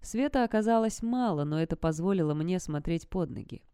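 A woman's voice: lowish voice, animated, brisk, warm tone, clear, resonant tone, dry recording, clean studio sound. A woman narrating a first-person audiobook in a tense, suspenseful storytelling manner.

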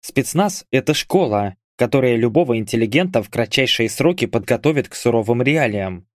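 A man reading an audiobook aloud as narrator, with expressive, lively storytelling. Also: medium pitch, fairly quick, no room sound, studio quality.

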